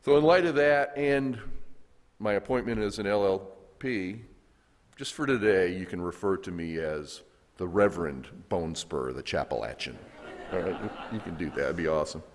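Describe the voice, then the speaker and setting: A man's voice: low-pitched, normal speed. A man with a Southern American accent preaching as a guest pastor, folksy and joking with the congregation. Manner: folksy, animated, jokes with the congregation. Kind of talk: sermon with humor and audience call-and-response. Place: church sanctuary. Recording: echoey church hall.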